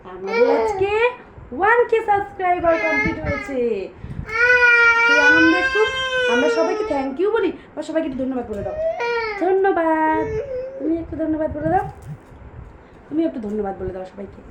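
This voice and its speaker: A high, lively-voiced woman coos and coaxes her baby in a sing-song home-vlog manner. The room is echoey, and a loud background noise runs under her voice. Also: normal speed, pauses often. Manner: sing-song, coaxing and soothing, speaks to a crying baby. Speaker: mother vlogging with her baby. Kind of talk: coaxing baby talk, vlog chatter.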